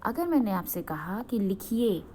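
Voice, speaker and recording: A woman's voice: medium pitch, sing-song, unhurried, dark tone, slight background noise. A young adult woman from Uttarakhand teaching a grammar lesson, asking questions and answering them herself, often checking that students follow. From Uttarakhand, India.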